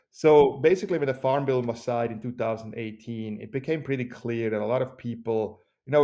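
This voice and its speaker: A CEO from Switzerland appears as a podcast guest, speaking with a Swiss accent. His delivery is lively and playful, much like a salesman making a pitch.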